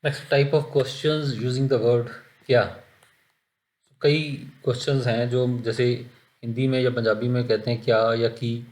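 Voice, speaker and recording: An Indian-accented man gives an online spoken-English lesson, with a voice of middling pitch. His delivery stays flat and even as he walks through examples one at a time. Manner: explains in a mix of Hindi and English, with examples. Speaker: English teacher.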